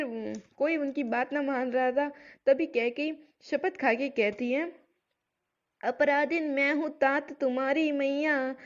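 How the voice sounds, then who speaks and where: A woman teaching a literature lesson. She recites verses slowly and draws them out, then explains them in plain talk. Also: high-pitched, muffled recording.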